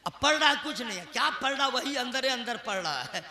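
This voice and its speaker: A man preaching at a large religious gathering in a very high, piercing, bright voice. He swings from shouted, chant-like refrains to relaxed, joking banter with the listeners. The sound comes through an echoey public-address system. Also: a little fast. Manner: alternates shouted chanting with chatty joking asides. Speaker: Islamic preacher.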